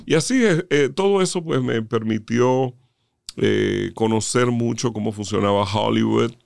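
A middle-aged man from Venezuela, a guest producer telling stories in an interview in an animated way, often restarting his sentences. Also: medium pitch, unhurried, vocal fry, no echo. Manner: animated storyteller, frequent restarts. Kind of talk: conversational interview storytelling.

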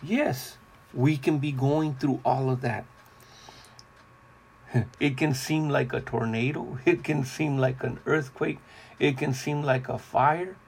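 A man preaching a devotional sermon in a slow, deliberate, repetitive cadence. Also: mid-range voice, fairly even intonation, gravelly, darkish tone, slightly rough.

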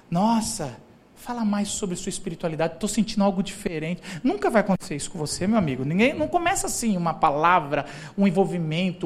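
A man preaching a sermon as pastor, telling humorous stories in a loose, conversational way and acting out the people he quotes. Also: sits high. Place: church hall.

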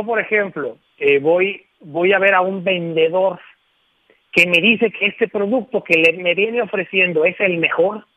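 A man's voice: high-pitched, dry recording. A man, a guest on a radio show talking over the phone, explaining emphatically and addressing the listener with frequent tag questions. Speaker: guest speaker on communication. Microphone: telephone. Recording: tinny dry phone line.

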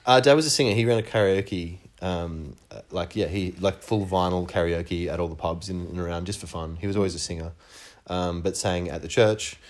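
A man's voice: low voice, fairly quick. A young man from northern New South Wales, a musician being interviewed in casual chat, hesitant and laughing easily. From northern New South Wales, Australia. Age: young adult. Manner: hesitant, many restarts and fillers, laughs easily. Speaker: musician guest.

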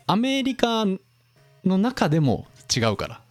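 Lively man explaining economics casually. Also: high-pitched, a little slow, dry recording, faint music behind. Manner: lively, quizzes his co-host, drops into playful impressions. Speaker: podcast host explaining economics.

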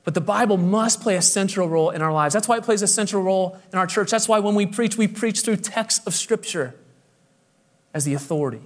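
A man's voice: high voice, a little fast. A man pastor delivering a sermon with emphatic preaching, his voice swelling and dropping for effect, with the occasional hesitant filler.

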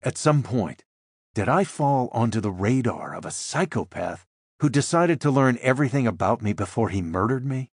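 A man reading a first-person thriller as an audiobook, in a tense, measured way. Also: medium pitch, animated, slightly rough, dry recording, clean studio sound. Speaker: audiobook narrator.

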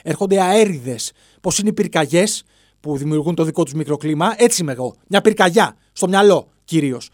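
Playful high-voiced man rambling solo. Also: animated, no echo, studio quality. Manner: rambling, playful, jumps between bits and silly voices. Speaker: podcast host. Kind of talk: solo comedic monologue. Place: podcast studio, alone.

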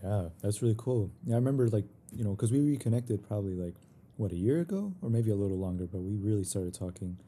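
A man's voice: on the low side, expressive, fast talker, dark tone, breathy edge. A young man hosting a podcast in casual chat, laid-back and rambling, often saying "you know". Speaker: podcast host.

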